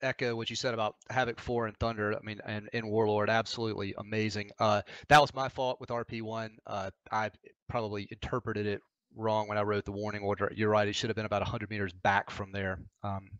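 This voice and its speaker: A man's voice: fairly low pitch, little pitch movement, fairly quick, fairly bright tone, smooth, no room sound. A man giving a plain debrief report as a section leader over lo-fi voice chat. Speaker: section leader in a gaming unit. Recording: dull lo-fi voice chat.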